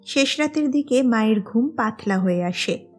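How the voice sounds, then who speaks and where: Husky woman narrating a novel. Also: a little high, lively intonation, normal speed, soft background music. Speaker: audiobook narrator.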